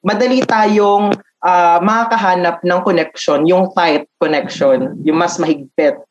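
A woman co-host talks in a casual, reflective way, agreeing and building on what the guest said. Her voice is on the lower side for a woman. The sound is dull and lo-fi. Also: a little slow. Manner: reflective, agreeing, mixes Tagalog and English. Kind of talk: casual talk-show chat.

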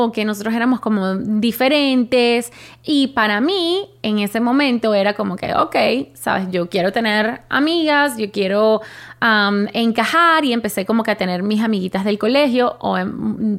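A young woman, casually telling her own life story with many fillers and restarts. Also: on the high side. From Venezuela. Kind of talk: personal storytelling monologue.

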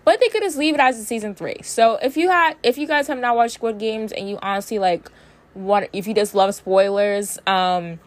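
A woman's voice: medium pitch, normal speed. A young adult woman hosting a casual, opinionated chat to listeners, stumbling slightly with a jaw sore from tightened braces. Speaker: host of a show recapping and reviewing TV series.

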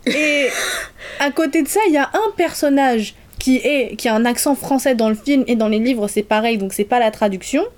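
A young woman with a slightly high voice co-hosts a film podcast. She talks in an ironic, teasing, animated way. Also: normal speed. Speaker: podcast co-host. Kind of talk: casual chat reviewing films.

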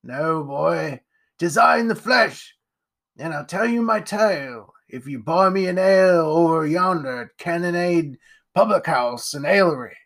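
A man voicing a gruff, scarred old male captain who talks in old seafaring dialect with a growling manner. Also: on the high side, measured pace, a bit bright.

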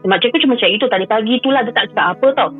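A female caller races through a personal story in a fairly high voice, inserting English phrases and repeating herself a lot. The call-in audio is narrow and tinny, and faint music sits behind her.

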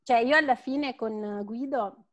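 A woman's voice: on the high side, takes it slowly. A young woman, a podcast guest, talks casually and agreeably with a group of friends. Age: young adult.

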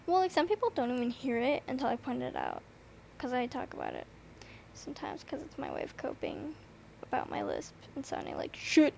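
A sleep-deprived teenage girl with a slight lisp rambles through her casual solo podcast, swearing often and filling gaps with filler words. Her high, creaky, darkish voice swoops wildly in pitch at a brisk pace. She's recording on an earbud mic in a noisy bedroom, with a little hiss or hum.

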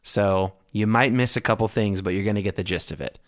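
A male podcast host speaks in a fairly low voice. His delivery is casual and conversational, as if talking things through with a co-host. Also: a little fast. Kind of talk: casual co-hosted podcast chat.

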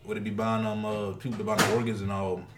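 A man's voice: on the low side, level tone, quick pace, noisy background. A young man chatting casually in slangy speech, often repeating and restarting his phrases. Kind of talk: casual chat among friends. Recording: echoey room with other voices.

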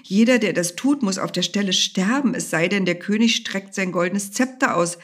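A woman voicing a young, clever queen who speaks breathy and soft. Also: mid-range voice, normal speed. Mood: worried.

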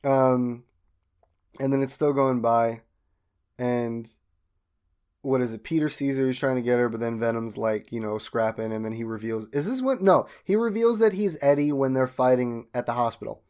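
Casual young male podcast co-host, mid-pitched, retells plot with jumpy high quote voices. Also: moderate pace, darkish tone. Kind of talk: casual chat recapping a cartoon.

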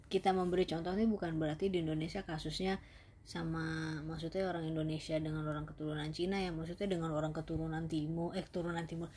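A woman talks through a relaxed, chatty conversation, her voice sitting a little low. She gets lively when she retells what others said. A faint hiss runs under the recording. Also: fast. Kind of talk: casual conversational chat.

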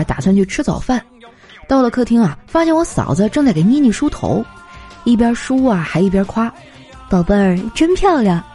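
A young woman telling comic anecdotes in a chatty, animated way, slipping into voices for the people in her stories. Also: mid-range voice. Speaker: comedy storyteller. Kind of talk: scripted comic monologue. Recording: light background music. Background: faint music.

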